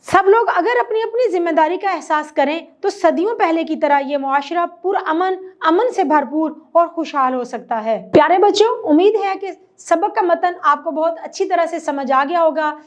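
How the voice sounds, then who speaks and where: A woman's voice: extremely high pitch, few pauses. A woman teacher with a Pakistani Urdu accent, reading a textbook lesson aloud to children and carefully explaining its words. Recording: slightly dull lo-fi recording.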